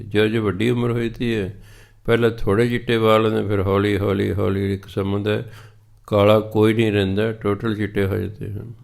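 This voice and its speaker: Male preacher, sermon delivery, measured pace with drawn-out chanted lines. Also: on the low side, creaky. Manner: slow chanted verse quotations between explanations. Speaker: Sikh preacher giving scripture commentary. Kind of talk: katha sermon on scripture.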